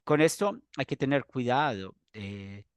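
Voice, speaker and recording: A man, a pastor teaching a church doctrine class in an earnest, explanatory way with pauses and restarts. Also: medium pitch, expressive, clear, resonant tone, no room sound.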